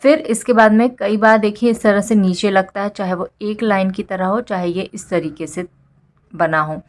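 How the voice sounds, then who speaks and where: A woman teacher explaining a school syllabus to parents, patient and clear, mixing English words into her talk and drawing out example words slowly. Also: medium pitch, fairly even intonation.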